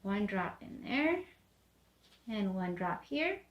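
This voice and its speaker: A woman's voice: mid-range voice, very animated, slow pace, muffled recording. A woman presenting a product in an upbeat, chatty demo, with the odd filler. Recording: echoey room.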